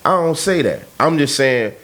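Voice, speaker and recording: A man's voice: on the high side, lively intonation, normal speed, a bit bright. Blunt, emphatic man in his thirties. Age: 30s. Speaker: podcast host. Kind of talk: casual conversation.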